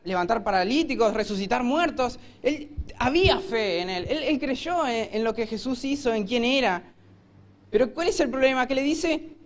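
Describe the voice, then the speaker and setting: High-voiced Argentine preacher. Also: male voice. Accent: Rioplatense Spanish. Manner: storytelling preacher, acts out voices with shouts. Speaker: pastor. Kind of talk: sermon. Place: church.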